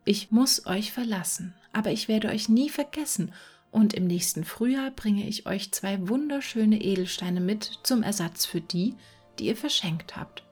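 A woman voicing a kind-hearted little male swallow in a whispered role-play, soft and pleading. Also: medium pitch, animated, unhurried, slightly rough, soft background music. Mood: tender.

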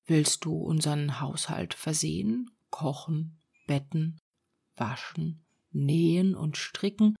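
A woman's voice: low-pitched, takes it slowly, creaky, mellow, husky, heavily acted. A woman voicing seven small kindly male dwarfs in a whispered role-play, asking earnest questions.

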